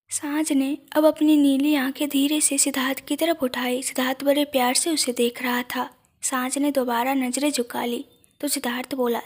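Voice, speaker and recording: Woman narrator for an audio drama, calm steady reading, high and even pitch. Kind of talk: scripted audio story narration.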